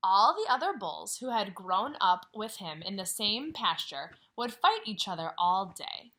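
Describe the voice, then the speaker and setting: A woman teaching kindergarten from home reads a story aloud to young children in a medium-pitched voice, speaking a little slowly. She's animated, posing questions and then answering them herself.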